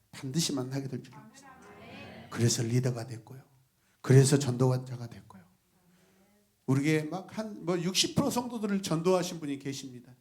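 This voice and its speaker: Speaking at medium pitch in a Gwangju accent, the pastor gives an animated sermon, calling out to the congregation with sudden shouts between laughter and soft asides.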